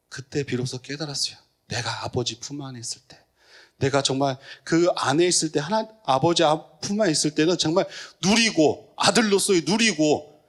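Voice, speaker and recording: A young man giving a sermon to teenagers as youth pastor, asking them questions and acting out short voices. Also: a little high. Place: church.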